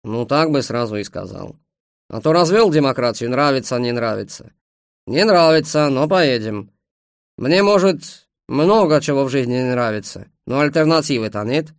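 A man's voice: medium pitch, expressive, moderate pace, no echo, clean studio sound, lightly acted. A man voicing a grumpy, hot-tempered male engineer turned trader who grumbles and bristles. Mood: grudging. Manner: indignant, grumbling.

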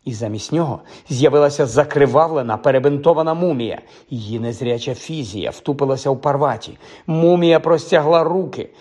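A man's voice: medium pitch, a little fast, hardly any pauses, darkish tone. Man narrating a fantasy audiobook. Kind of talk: scripted story narration.

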